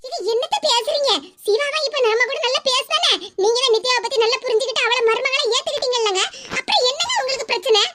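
A cartoon comedy performer voices a fretful middle-aged wife and mother in Kanyakumari Tamil, speaking very high, fast and sharp with few pauses. She pleads and coaxes, repeating herself and worrying out loud to no one in particular.

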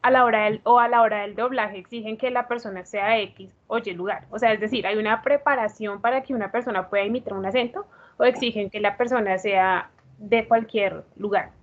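A woman's voice: mid-range voice, steady tone, a little fast. A woman, a workshop participant, asking a question hesitantly, with fillers and rephrasing. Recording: muffled video call audio.

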